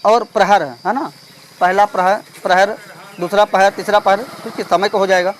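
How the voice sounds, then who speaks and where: A male teacher solving an exam paper step by step. He reads each question slowly and keeps checking in with the class. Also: high-pitched, steady tone, slight background noise. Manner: explains step by step, reads questions slowly, repeats "theek hai". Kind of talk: exam paper walkthrough lesson.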